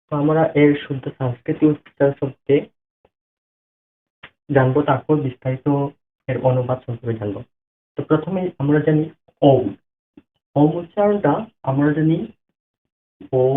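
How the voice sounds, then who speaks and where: A man from Bangladesh teaches the pronunciation of a devotional Sanskrit mantra, slowly and carefully breaking words into syllables and chanting examples. His voice is fairly high, and the audio is tinny, like a phone.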